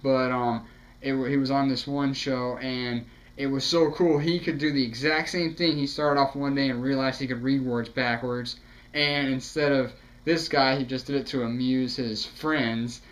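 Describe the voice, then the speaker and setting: A man's voice: mid-range voice, little pitch movement, normal speed, poor audio. A young man chatting eagerly and informally as co-host of a home vlog. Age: young adult. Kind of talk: casual chat. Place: small wood-panelled room indoors.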